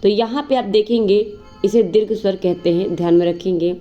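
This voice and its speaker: A woman teaches an exam-prep grammar lesson in a warm, mellow voice. She explains things step by step, poses questions and answers them herself, and stretches vowels to demonstrate them. The audio is a little dull and lo-fi. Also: medium pitch, steady tone, normal speed, soft background music. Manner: explanatory, repeats "ठीक है" and asks rhetorical questions; drawls vowels long to demonstrate.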